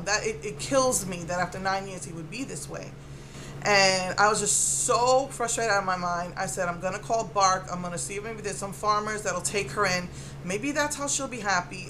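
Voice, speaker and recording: Middle-aged woman, mid-pitched, emotionally drained, rambling and venting vlog-style, noisy ambient recording. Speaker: vlogger giving a personal update. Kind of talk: casual, rambling personal update. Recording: clearly noisy ambient background.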